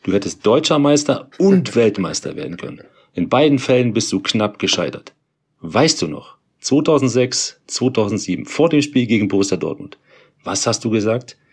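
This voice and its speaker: A man with a rough, raspy and gravelly voice speaks in a recorded video message. He hands out grand, ironic praise, and his voice sits a little low. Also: sing-song, moderate pace.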